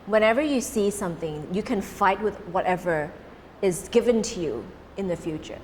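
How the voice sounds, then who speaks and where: A woman from Thailand whose first language is Cantonese answers interview questions earnestly, often restarting her sentences. Her medium-pitched voice is expressive and moderately paced, heard in a reverberant room with faint noise.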